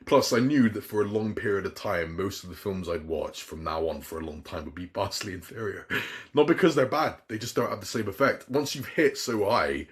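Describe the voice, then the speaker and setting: A man's voice: on the low side, expressive, a little fast. A man hosting a casual chat show, talking with rambling enthusiasm and swearing freely. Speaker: podcast host.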